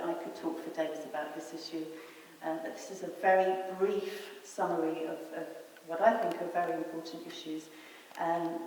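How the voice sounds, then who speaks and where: Woman, fairly low voice, meeting chair, informal, distant and roomy. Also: a little mellow. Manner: chatty, informal, explaining. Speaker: event chair. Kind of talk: public meeting introduction. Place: meeting room. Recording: echoey hall, distant mic, hiss.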